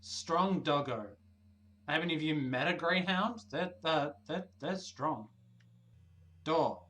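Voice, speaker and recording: A game streamer reading the narration aloud quietly during a livestream, breaking into lively asides to viewers. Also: medium pitch, moderate pace, rough recording.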